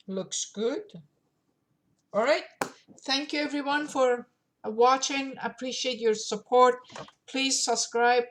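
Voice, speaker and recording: A woman with a cold and a nasal voice, hosting a forex channel and walking through currency charts, thinking aloud. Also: medium pitch. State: has a cold. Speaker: forex trading channel host. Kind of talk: casual market forecast walkthrough.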